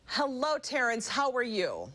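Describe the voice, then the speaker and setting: A woman's voice: fairly high pitch, huge pitch swings, a little slow, pushed and bright. A woman interviewing a guest in a conversational, admiring and effusive way, often feeling for her phrasing.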